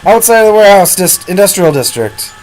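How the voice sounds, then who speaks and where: A man voicing a villainous male rat king in a fan-made game, with a raspy, strained voice. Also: high voice, big pitch swings, fairly quick, a little hiss or hum, voice pushed up, poor audio. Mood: grudging.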